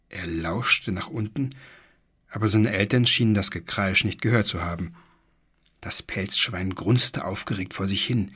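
A man narrating a children's story in a calm, unhurried way. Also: on the low side, breathy edge. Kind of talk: storybook reading.

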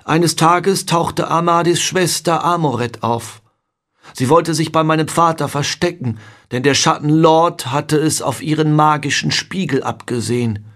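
A man's voice: on the high side, a little slow, a bit bright, pitched above the performer's own voice. A man voicing an eager ten-year-old boy. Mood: grave.

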